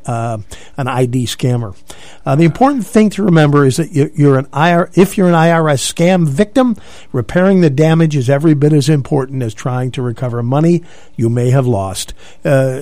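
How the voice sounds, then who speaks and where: A man's voice: on the high side, a little mellow, no echo. A man co-hosting a radio show, chatty and giving plain advice. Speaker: radio co-host. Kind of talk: casual radio talk.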